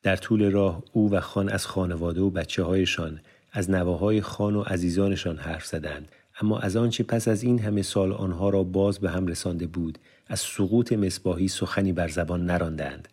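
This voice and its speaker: A man narrating an audiobook in a measured, formal storytelling manner. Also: deep voice, fairly even intonation, a little mellow, husky. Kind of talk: scripted literary narration.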